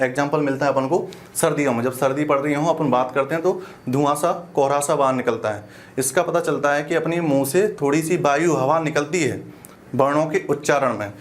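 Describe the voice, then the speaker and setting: A male teacher giving an exam-prep grammar lesson. He explains step by step in a colloquial way and often stops to ask whether the class is following. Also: a little high. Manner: explains step by step with frequent check-in questions; colloquial, uses "apan" for "we".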